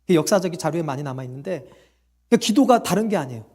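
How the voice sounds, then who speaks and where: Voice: medium pitch, expressive, fast, a little mellow, breathy edge. A pastor delivering a sermon emphatically, asking the congregation rhetorical questions and calling out hallelujah. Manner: frequent calls of hallelujah and direct address to listeners.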